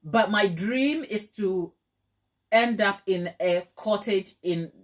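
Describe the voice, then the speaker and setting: In a slow, mid-range voice, a middle-aged woman from Ghana chats with viewers on her live stream, going through their comments. She laughs a lot and leans on plenty of fillers.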